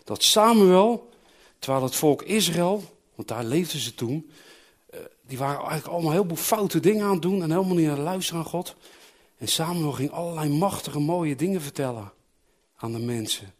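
A man tells a Bible story to children, with a voice pitched a little higher than most men's. He asks his young listeners questions and keeps his telling animated, putting on voices for the people in the story. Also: fairly quick.

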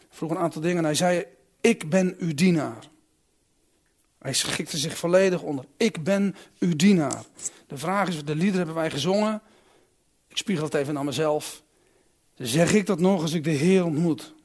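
A man with a fairly high voice preaches a sermon, putting questions directly to his listeners. He swings between loud, emphatic calls and quiet, reflective asides.

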